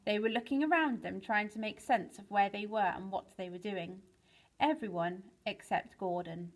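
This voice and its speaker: A woman's voice: medium pitch, moderate pace, rough recording. Woman reading a children's story aloud. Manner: lively storytelling with big swings for excitement. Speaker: teacher reading to pupils.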